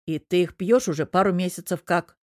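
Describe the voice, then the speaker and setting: A woman's voice: fairly low pitch, brisk, a little mellow, no echo, studio quality, lightly acted. A woman voicing a confident, teasing young husband in an audiobook, with an easygoing manner. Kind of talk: audiobook character voice.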